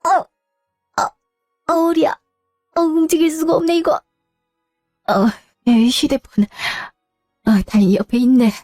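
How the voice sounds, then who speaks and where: A woman's voice: a little high, slow pace, pauses often, warm tone, dry recording, studio quality, faint music behind. A woman voicing a retired mother in her sixties, sighing and muttering complaints to herself in a radio drama. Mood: fretful. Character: retired older mother, hurt and proud.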